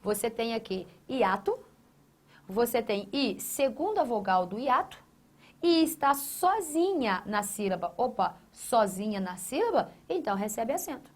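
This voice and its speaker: A woman's voice: on the high side, very animated, unhurried. A woman teaching a grammar lesson, emphatic, asking questions and answering them herself, repeating key phrases. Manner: emphatic, asks and answers her own questions; addresses a student by name, repeats key phrases.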